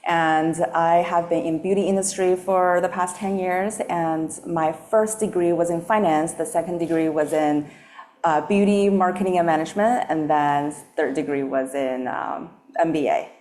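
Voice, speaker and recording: A woman in her thirties introducing herself on a panel in a measured, matter-of-fact way. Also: fairly low pitch, fairly even intonation, a little mellow. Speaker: panelist, alumna.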